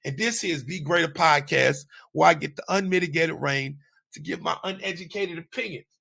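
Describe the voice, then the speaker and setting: Man, podcast host, gravelly voice, slightly high, blunt and profane commentary. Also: moderate pace, bright, forceful tone. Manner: blunt, profane, emphatic with repeated phrases. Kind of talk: opinionated commentary monologue.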